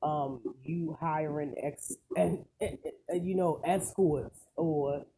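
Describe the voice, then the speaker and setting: An online celebrity news commentator with a mid-range voice speaks slowly and fairly evenly. Their opinions are casual, rambling, emphatic, and colloquial, with frequent rhetorical questions, on a clearly noisy recording with clicks.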